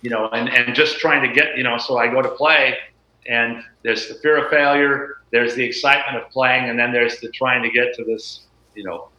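A man with a bright, forceful voice speaks reflectively and tells stories, often leaning on "you know". His voice sounds roomy and a bit dull, as if recorded lo-fi in an echoey space. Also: medium pitch, fairly even intonation, moderate pace. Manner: reflective, storytelling, with frequent filler phrases. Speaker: guest, guitarist and teacher. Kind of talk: casual interview chat.

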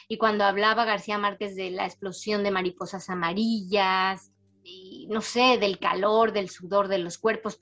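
A woman's voice: mid-range voice, highs cut off. A middle-aged Spanish-born woman raised in Panama, an author answering interview questions thoughtfully, her accent a mix of Latin American and Spanish. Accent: mixed Latin American and Spanish. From Spain, raised in Panama. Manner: warm storytelling, thoughtful, frequent tag questions. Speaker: writer, interview guest.

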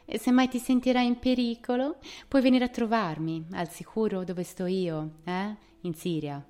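A dry, ironic young woman, as a narrator puts her on, speaking a little higher and louder than the narrator. She sounds steady and wry. There is a firm edge to her voice. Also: normal speed. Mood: sarcastic.

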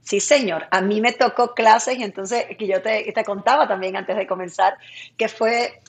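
A woman from Cuba who works as a TV presenter, chatting lively in an interview and often laughing as she talks. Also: medium pitch, moderate pace, gravelly. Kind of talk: casual interview chat.

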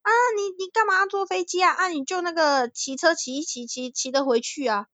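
Older insistent acquaintance, put on by a woman, Taiwanese Hokkien-tinged Mandarin, raised high pitch, drawling repetition, dry sound. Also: steady tone, a little fast, fairly bright tone, no echo. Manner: insistent, drawling, repeats himself. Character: older Chinese-descended acquaintance in Thailand, insistent.

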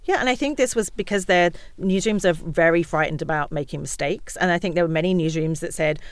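A woman answers interview questions at a rapid clip and keeps the stories moving. She acts out what other people said as she goes. Her voice is close and dry, with no room sound. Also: fairly low pitch, clean tone, dry recording. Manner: fast, animated storytelling with acted-out quotes. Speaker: guest. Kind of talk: conversational interview.

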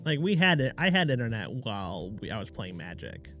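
A man's voice: on the low side, big pitch swings, a little fast, fairly bright tone, soft background music. A man in his thirties co-hosting a casual podcast chat, playful and laughing often. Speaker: podcast co-host.

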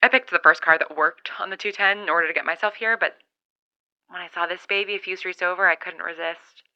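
A woman's voice: lowish voice, fairly even intonation, a little fast, sharp tone, clean tone, no room sound. An actress playing a lone woman survivor keeping a log over a CB walkie-talkie, wry and rambling as she thinks aloud, in an audio drama monologue. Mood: musing. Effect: talking over a CB walkie-talkie radio. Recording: dull lo-fi radio sound.

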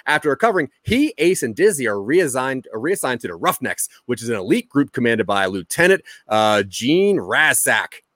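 A man's voice: a little high, fairly bright tone, no echo, studio quality. A man hosting a casual podcast, recapping a movie plot with lots of fillers and laughter. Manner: retells the plot with many fillers, laughs often. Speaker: podcast host summarizing the film.

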